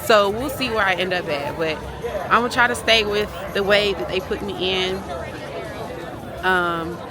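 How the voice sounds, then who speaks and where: A woman's voice: medium pitch, measured pace. A woman chatting casually to camera in a vlog, talking into a handheld phone. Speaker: vlogger, race participant. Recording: noisy outdoor crowd and traffic.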